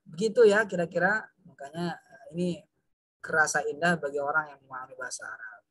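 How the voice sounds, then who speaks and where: A man's voice: sits high, bright, forceful tone, no room sound. A man teaching a class of pupils in a chatty way, with frequent fillers, addressing the students fondly as children. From Indonesia. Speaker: religious studies teacher. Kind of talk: online class lesson.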